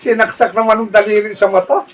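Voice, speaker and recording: A man telling jokes in a folksy, rambling way, laughing at his own punchlines and shouting them out. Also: sits high, fairly even intonation, fast. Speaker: comedy joke teller. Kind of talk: casual joke telling. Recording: distant mic with faint noise.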